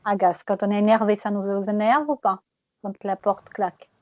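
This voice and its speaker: A woman teaching French pronunciation one-on-one, patiently repeating words slowly and laughing often. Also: mid-range voice, a little mellow, no echo, muffled recording.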